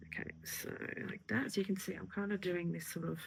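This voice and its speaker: A woman florist talks viewers through her work in a relaxed, encouraging way. Her voice has a gravelly edge, and she often slips into a half-whisper mid-task. Faint noise sits under the recording. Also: on the low side, a little fast, rough recording. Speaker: florist teaching a tutorial. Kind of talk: casual instructional talk while working.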